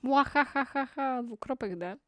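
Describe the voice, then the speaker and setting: A young man voicing a scheming, bossy villain from his own homemade story, with a shrill, shouty, cackling delivery. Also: a little slow, no echo, full character voice. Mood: triumphant cackle.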